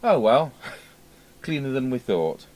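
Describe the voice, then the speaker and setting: At an indoor workbench, a radio repair technician casually demonstrates a hands-on repair while muttering and thinking aloud. His mid-range voice is very animated, slow-paced and darkish in tone, with workshop sounds clear in the background.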